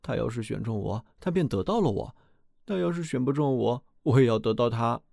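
A man voicing a cheerful, foolish young simpleton in a storybook reading, loud and carefree. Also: medium pitch, lively intonation, a little fast, vocal fry, no echo. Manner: boisterous, carefree.

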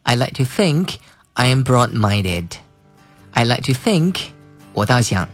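Man teaching English words slowly. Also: mid-range voice, sing-song, faint music behind. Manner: spells words letter by letter and repeats phrases slowly. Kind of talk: slow vocabulary lesson.

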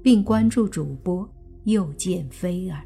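A woman's voice: lowish voice, slow pace, gravelly, faint music behind. Woman narrating a serialized novel. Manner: steady storytelling narration. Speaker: audiobook narrator.

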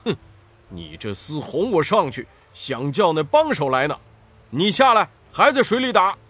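A man's voice: on the high side, big pitch swings, moderate pace, fairly bright tone, breathy edge, full character voice. A man voicing a fierce, scowling male river monster in a storybook, snarling and scornful.

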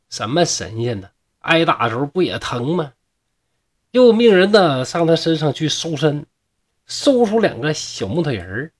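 A man with a Northeastern Mandarin accent telling a folk tale in a humorous way, with chatty asides to the listeners. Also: fairly high pitch. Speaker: storyteller.

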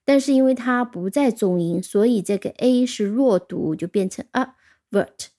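A woman's voice: on the high side, normal speed. A woman teaching English vocabulary, patiently explaining step by step and spelling words out letter by letter. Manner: explains step by step with soft fillers. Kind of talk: vocabulary lesson.

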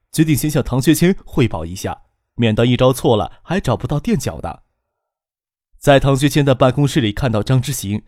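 Male audiobook narrator, lively pitch, dry close studio sound. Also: no room sound.

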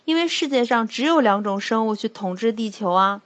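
Young female host, bright-pitched, playful and chatty, light comic monologue. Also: expressive, fairly quick, no room sound. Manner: playful, chatty, laughs at her own jokes.

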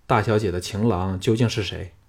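A cool, self-assured swordsman hero, voiced by a male narrator who speaks low, calm and measured. His voice has a slight husk, and the delivery stays composed throughout this storybook recording. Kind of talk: audiobook character voice.

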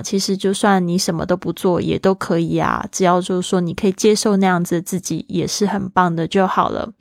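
A woman's voice: lowish voice, gravelly, no room sound. Chatty woman teaching English, dry sound. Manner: chatty, explains words slowly, laughs easily. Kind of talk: casual language lesson.

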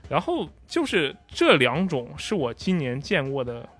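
A man's voice: fairly high pitch, huge pitch swings, a little slow, fairly bright tone, faint music behind. A man in casual gaming chat, detailed and analytical, acting out line readings to make his point.

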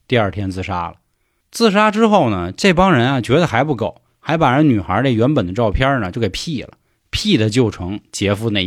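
Male storyteller with a Beijing accent, lively colloquial delivery, dry close podcast sound. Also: fairly low pitch, no echo. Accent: Beijing Mandarin. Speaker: urban legend storyteller.

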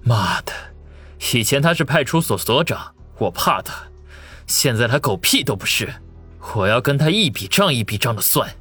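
Narrator voicing a brash cocky tough, pitched a little up and animated. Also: male voice, moderate pace, husky, faint music behind, heavily acted. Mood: swaggering. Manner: brash, swaggering. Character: cocky young gang leader, man.

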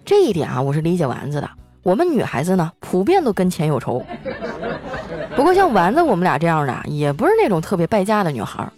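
A woman's voice: fairly low pitch, huge pitch swings, quick pace, darkish tone, soft background music, some chatter behind. A young woman hosting a show, telling funny anecdotes in a playful, giggly way. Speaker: podcast host. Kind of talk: comic storytelling.

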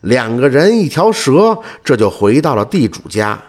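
A man telling a folk tale in a lively, animated way. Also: medium pitch, normal speed. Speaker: storyteller.

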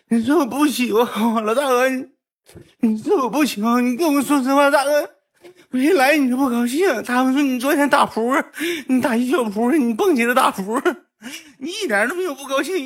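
A man voicing a tearful young male protégé streamer who pleads in a high, whiny, sobbing voice, drifting off the mic. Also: normal speed, fairly bright tone, exaggerated voice. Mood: sobbing, pleading.

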